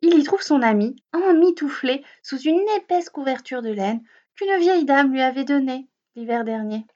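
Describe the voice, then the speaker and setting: A woman with a high voice reads a children's story aloud, gently and expressively. The recording is dull and lo-fi. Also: animated, moderate pace.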